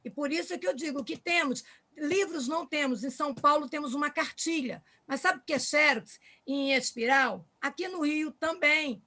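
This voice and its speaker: A woman's voice: high voice, moderate pace, bright, forceful tone. A woman with a Brazilian Portuguese accent, speaking as a panelist on a video call. She is hesitant and repeats words while searching for how to put things. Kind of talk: explanatory talk in an online panel.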